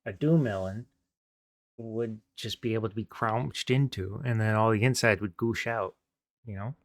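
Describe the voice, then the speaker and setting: A man's voice: fairly low pitch, normal speed, no room sound, clean studio sound. Giggly man co-hosting a casual podcast. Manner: giggly, sheepish, trailing off. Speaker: podcast co-host. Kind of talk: casual chat.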